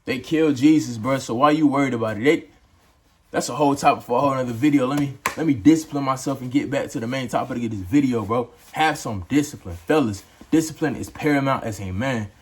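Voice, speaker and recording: A man's voice: medium pitch, quick pace, husky. Casual young man giving life advice. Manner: casual, preachy, addresses viewers as bro and dog. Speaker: vlogger. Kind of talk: motivational talk to camera.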